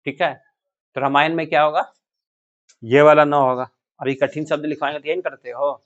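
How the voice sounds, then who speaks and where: A man teaching a classroom lesson, slightly high-voiced, who keeps asking his students questions and repeating their answers back. The recording is dull and muffled, like a cheap classroom capture. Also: flat delivery, normal speed.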